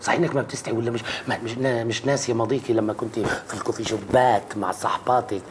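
A man acting out a bossy, jealous husband, scolding his wife nonstop at a fast clip. His voice sits at a middling pitch, and faint background noise runs under it. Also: fairly even intonation, natural voice. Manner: nagging, scolding, quarrelsome. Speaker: husband in a comedy sketch. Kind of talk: sketch comedy acting.

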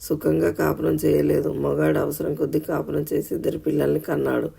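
A man narrating an audio short story in a steady, scripted reading voice. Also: on the high side, a little fast, gravelly, husky.

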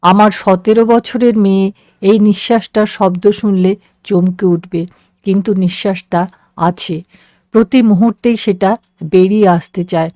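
A woman narrating a story in a slow, measured, soft voice. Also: medium pitch, steady tone, dry recording, studio quality. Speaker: story reader.

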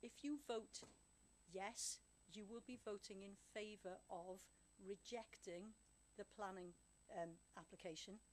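Deliberate woman council officer explaining a vote. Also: mid-range voice, fairly even intonation, darkish tone, slight background noise. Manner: clear, deliberate, checks understanding. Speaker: council officer advising members. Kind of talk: explaining the voting procedure. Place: council chamber. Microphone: desk microphone.

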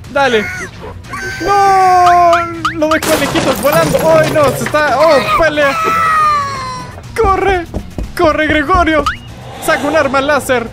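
A woman giving excitable casual commentary while reacting to animation clips. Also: sits high. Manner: excitable, exclaiming and laughing at clips. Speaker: reaction video host. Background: loud music from the video.

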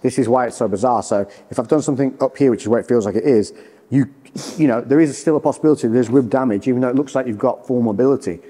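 A man talks quickly and casually, explaining how something feels. His voice is dark and relaxed, with the long echo of a big indoor gym. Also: medium pitch, breathy edge. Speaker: presenter acting as patient. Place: large hard-floored gym, indoors. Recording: reverberant hall-like room.

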